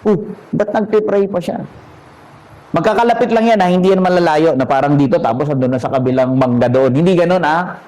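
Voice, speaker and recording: A man's voice: a little high, brisk, darkish tone, rough recording. A man preaching a sermon in a conversational way, asking his listeners questions and mixing English phrases into his talk. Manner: conversational, asks the congregation questions; mixes in English while preaching. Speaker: pastor.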